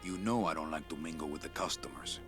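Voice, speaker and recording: An actor playing a suave, world-weary nightclub boss and video game hero, full of wry, dry asides. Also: male voice, a bass voice, fast, gravelly. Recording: game music behind the voice.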